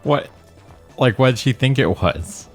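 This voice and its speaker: A man's voice: medium pitch, expressive, measured pace, husky, faint music behind. A man co-hosting a game let's play, chatting casually with dry, brief replies. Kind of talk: casual chat over gameplay.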